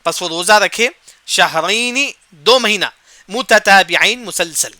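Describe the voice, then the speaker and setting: High, bright-voiced man teaching Quran commentary. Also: no room sound. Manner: asks and answers his own questions, repeats key points; recites short Arabic verse phrases then glosses them.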